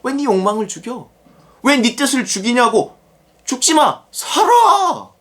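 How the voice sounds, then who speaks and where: A coaxing devil whispering temptation, insistent and climbing higher with each push, its pitch swinging widely, as a preacher puts it on. It is played in the middle of a sermon. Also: very animated, measured pace, a bit bright. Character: tempting devil urging self-will.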